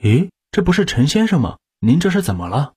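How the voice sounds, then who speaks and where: A male narrator voicing a worried young insurance saleswoman who asks quick, anxious questions. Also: a little high, big pitch swings, darkish tone, slightly rough, dry recording, clean studio sound, voice pushed up, full character voice.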